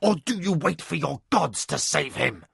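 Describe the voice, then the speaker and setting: A man's voice: fairly high pitch, lively intonation, moderate pace, gravelly, husky, dry recording, studio quality, pitched above the performer's own voice, full character voice. A man voicing a defiant barbarian warrior with a strident, nasal voice. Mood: angry. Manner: strident, shouting.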